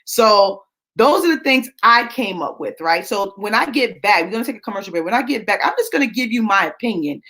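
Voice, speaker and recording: A woman in her forties hosts a live show, sharing a personal story with viewers in a casual, chatty way and often tagging on "right?". Her mid-range voice is expressive, slightly bright, and fairly quick.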